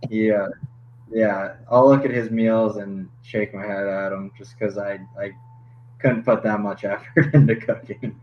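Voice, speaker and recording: Laid-back young goalie, low voice. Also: male voice, fairly even intonation. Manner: laid-back, laughs often, halting restarts. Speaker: hockey goalie guest. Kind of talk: casual podcast chat. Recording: slightly dull podcast audio with faint noise.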